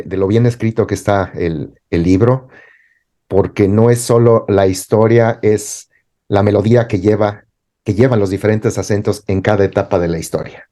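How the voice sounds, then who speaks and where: A thoughtful man with a lowish, mellow voice. He talks as a teacher in an interview discussion, pausing and restarting as he works through his ideas. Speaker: teacher and guest.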